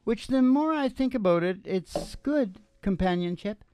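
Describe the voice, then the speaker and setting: There's a little hiss or hum as a man in his sixties, a musician and show host, speaks into a close stand microphone on a small indoor stage with a curtain, live acoustic guitar picking behind him. High-pitched and darkish, with lively intonation and a slightly slow pace, he offers rambling, folksy, laid-back banter that trails off into asides.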